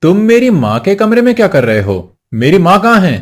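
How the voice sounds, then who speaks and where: A stern grown son and husband from a storybook cartoon, acted by a man. His voice sits fairly high for a man and rises and falls freely. He speaks firmly and makes demands. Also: very animated, brisk. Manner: firm and demanding.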